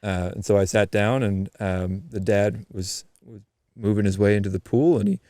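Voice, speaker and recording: Male podcast guest from eastern Canada, lower voice, dry close sound, animated storyteller with frequent restarts. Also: moderate pace, no room sound. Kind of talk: casual storytelling chat.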